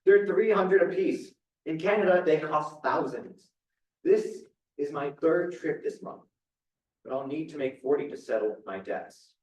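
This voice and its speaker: A man's voice: fairly high pitch, expressive, measured pace, a little mellow, a little hiss or hum. A man reading a play aloud, playing a matter-of-fact, businesslike dog trader. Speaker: actor in a staged reading, playing a dog trader with Canadian citizenship. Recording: echoey room, distant mic.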